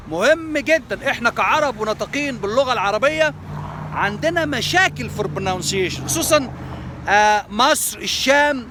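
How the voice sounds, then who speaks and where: Slight background noise sits behind a very high, bright and forceful male voice. The speaker, an Egyptian man with an Egyptian Arabic accent, is promoting a lesson on language skills, explaining terms and repeating them in Arabic and English while alternating between the languages.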